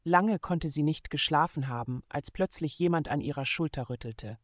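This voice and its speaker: A man reading a German adventure novel aloud in steady, measured scripted narration. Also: on the high side, dry recording, studio quality. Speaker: audiobook narrator.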